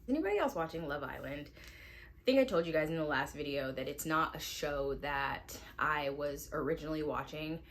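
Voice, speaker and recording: Low-pitched woman, 30s, mom vlogger, relaxed chatty delivery at home. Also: normal speed. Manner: relaxed, chatty, lots of "like" fillers. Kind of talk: casual vlog chat to camera. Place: at home indoors.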